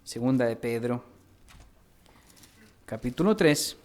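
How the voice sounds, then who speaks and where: A man from Mexico, a pastor preaching a teaching sermon, spelling out words slowly and putting questions to his congregation. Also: medium pitch, animated. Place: church hall.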